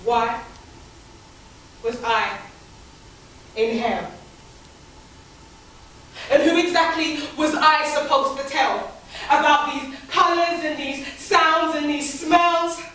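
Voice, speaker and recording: On a theatre stage, an actress performs a spoken-word monologue as a young woman haunted by abuse, bitter and defiant, delivering it in rhythmic rhyme. Her full character voice is high-pitched, pushed and bright, and the recording, taped from far off, echoes through the hall.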